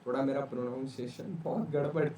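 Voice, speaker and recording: A man's voice: medium pitch, level tone, quick pace, mellow, echoey room, recorded from a distance, a little hiss or hum. A man whose first language is Urdu, giving a casual exam revision lecture and often checking in with "okay". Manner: casual, repeats "ठीक है" often. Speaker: tutor.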